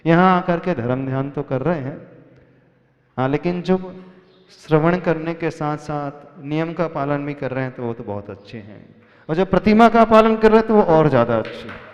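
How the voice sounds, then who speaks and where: A man giving a sermon to a live congregation, speaking slowly, asking the listeners questions and teasing them with humor. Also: on the high side, expressive. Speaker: Jain monk preacher. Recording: dull lo-fi sound with long hall reverb.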